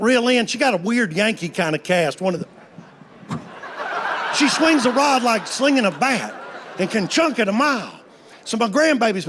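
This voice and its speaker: This high-pitched man in his 50s, his tone fairly bright, is a stand-up comedian delivering folksy stories that land on playful punchlines.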